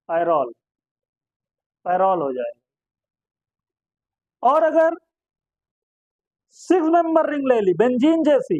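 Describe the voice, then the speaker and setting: High-voiced chemistry teacher. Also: male voice, a little mellow, dry recording, lo-fi sound. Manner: asks students questions and answers them himself, repeats terms. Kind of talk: classroom lecture.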